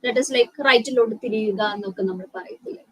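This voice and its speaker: A young woman with a Malayali accent teaching an English lesson, spelling out words letter by letter and switching between careful English and quick Malayalam. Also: fairly high pitch, a bit bright, breathy edge, no echo, low-quality recording. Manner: slow, deliberate English explanations, mixed with rapid Malayalam. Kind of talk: online spoken-English lesson.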